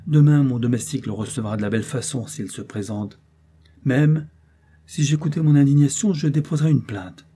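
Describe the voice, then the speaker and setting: A man voicing a scheming, smooth-talking doctor who feigns earnest candor, in an audiobook reading. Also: on the low side, fast talker, few pauses, dark tone, a little hiss or hum, natural voice. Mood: falsely earnest. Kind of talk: audiobook character voice.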